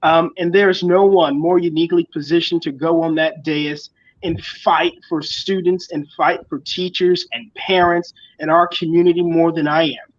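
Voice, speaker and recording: A young man from the Bahamas lays out his campaign with confident, speech-like conviction. His voice sits a little high. The recording is dull and lo-fi. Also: flat delivery, normal speed. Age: young adult. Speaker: school board candidate. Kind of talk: campaign interview.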